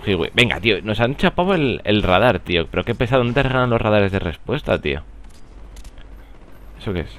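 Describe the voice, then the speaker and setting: Young guy from spain rambling over a match, jokey, yells now and then, lowish voice. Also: brisk, slight background noise. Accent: Spanish from Spain. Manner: rambling, joking, excitable outbursts. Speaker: gaming commentator. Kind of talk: casual live gameplay commentary.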